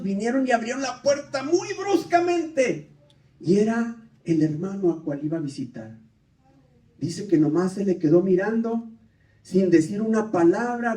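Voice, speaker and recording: A man's voice: sits high, warm tone. A man preaching a storytelling sermon in a church, fervently addressing the congregation as brothers. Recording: echoey church, mic at a distance.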